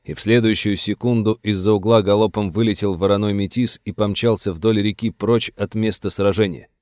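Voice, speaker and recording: A man reading a western adventure novel aloud in steady, dramatic audiobook narration. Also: fairly low pitch, brisk, no room sound.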